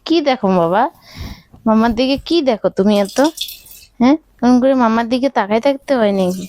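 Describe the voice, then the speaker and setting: A woman's voice: a little high, brisk, darkish tone, a little hiss or hum. A young woman vlogging at home, coaxing and soothing her baby in sing-song baby talk. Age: young adult. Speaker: vlogger, new mother. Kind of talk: casual vlog talk to her baby and viewers. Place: village home, indoors.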